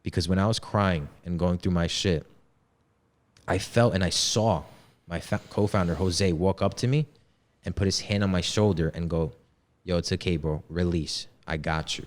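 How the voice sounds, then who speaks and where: Deep-voiced young man telling a story. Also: normal speed. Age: 20s. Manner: slangy and candid, heavy on "yo" and "bro". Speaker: podcast guest, men's coach. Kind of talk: casual storytelling.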